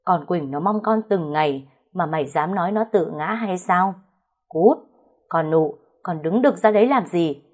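A woman voicing a harsh old male family patriarch who scolds slowly and threateningly. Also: high-pitched. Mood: furious.

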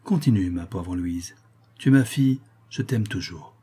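A male reader voicing a shattered, vacant old father who speaks in a slow, halting way. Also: low voice, warm tone, breathy edge. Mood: dazed sorrow.

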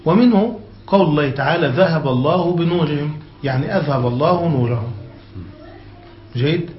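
A man's voice: a little high, brisk. A man teaching an Arabic grammar lesson, reading passages aloud and explaining them, often checking that his students follow. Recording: echoey, dull lo-fi room recording with faint hiss.

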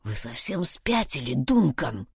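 A woman's voice: very deep voice, big pitch swings, measured pace, creaky, breathy edge, no room sound, clean studio sound, pitched below the performer's own voice, heavily acted. A woman voicing a grumbling old bearded man in a read-aloud story. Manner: muttering, grumbling.

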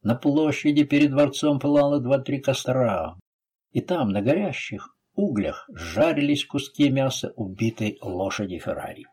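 A man reading an adventure novel aloud as an audiobook narrator, with expressive storytelling. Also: medium pitch, moderate pace, breathy edge. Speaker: audiobook reader. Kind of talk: scripted narration.

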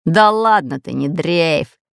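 A woman voicing a fat, red-bearded, bossy pirate captain in an audiobook, speaking in a gruff, commanding way. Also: sits low, lively intonation, slow, no echo, studio quality, full character voice. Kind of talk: audiobook character voice.

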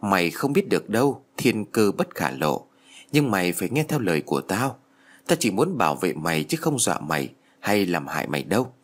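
A man voicing a faceless dead schoolgirl ghost who speaks slowly and insistently in a low, husky voice. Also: sing-song. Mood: eerie pleading.

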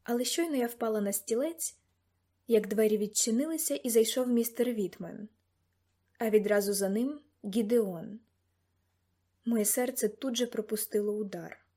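A woman narrating a first-person audiobook in an even, measured way. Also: on the high side.

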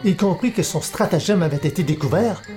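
A man calmly reading a folk tale aloud as a storybook narrator. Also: high voice, fairly quick. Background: soft music.

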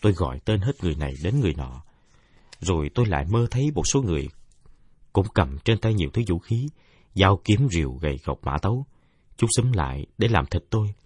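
A male storyteller with a low, husky voice, telling the tale in a measured, reflective way. His pitch moves freely and the recording is dry and close. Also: a little mellow, no echo. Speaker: narrator. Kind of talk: audiobook narration.

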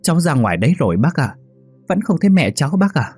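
A man doing a shrill scheming woman fake-wailing. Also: sing-song, fast, husky, soft background music. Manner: loud, theatrical wailing. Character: scheming young woman faking loud distress.

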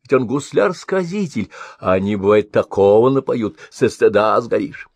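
A man's voice: lowish voice, sing-song, moderate pace, darkish tone, dry recording. A man voicing a fussy, scolding old village woman who chides and frets. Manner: scolding, fretful.

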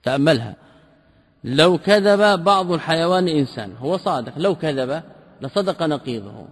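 Male teacher, slightly high voice, commentary lesson on a text, quizzing listeners, long hall reverb. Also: animated. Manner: reads a passage, then explains it with rhetorical questions; repeats key terms slowly for emphasis. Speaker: teacher explaining a classical logic text.

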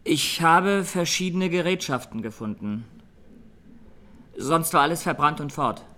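In a radio courtroom play, a male actor portrays a young Armenian defendant giving measured, plain-spoken testimony with a haunted quality. His fairly high voice is pushed and bright, and the mood is subdued and factual.

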